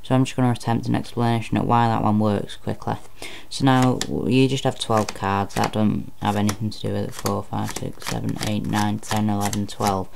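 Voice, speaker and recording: A man's voice: on the low side, level tone, a little fast, gravelly, few pauses, noisy background. A man giving informal card magician patter, explaining step by step and repeating phrases as he goes. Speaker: card trick presenter.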